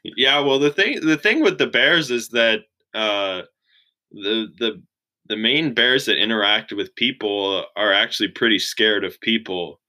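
A young man in his twenties chatting casually as an interview guest, relaxed and full of "like" fillers. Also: fairly low pitch, unhurried, rough recording. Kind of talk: casual chat.

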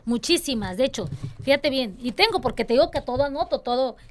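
A woman's voice: high-pitched, fairly quick. A young adult woman, earnestly explaining her tambourine dance ministry in a casual church talk. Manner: earnest, expressive, mimics others' voices.

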